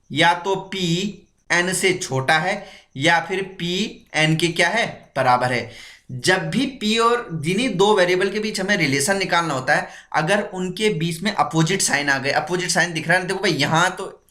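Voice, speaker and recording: A man's voice: a little high, sharp tone, echoey room. A man teaching an exam-prep reasoning lesson who asks questions and answers them himself, repeating key points.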